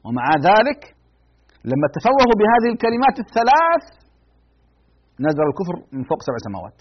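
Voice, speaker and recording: A man's voice: huge pitch swings, quick pace. Emphatic man giving a religious lecture. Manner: emphatic, repeats warnings, shifts between low grave tones and raised pleading. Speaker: lecturer on the Prophet's biography. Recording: dull lo-fi recording.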